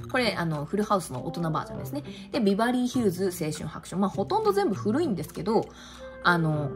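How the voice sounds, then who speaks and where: A woman teaches pronunciation in a video lesson, speaking emphatically and straight to her viewers. Her voice sits a little high and swings widely in pitch. Background music runs steadily under her talk. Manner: lively, emphatic, addresses viewers directly. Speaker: English teacher.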